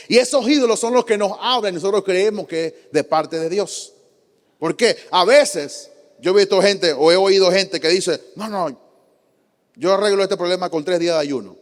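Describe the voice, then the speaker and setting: A man, a pastor with a Panamanian Spanish accent, preaching a sermon with rhetorical questions, emphatic repetition and acted-out quotes of churchgoers. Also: high-pitched. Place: church sanctuary. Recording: long church hall reverb.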